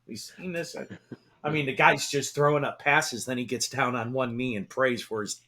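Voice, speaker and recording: A man co-hosting a casual sports talk radio show, excitable and swearing, often repeating himself. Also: mid-range voice, normal speed.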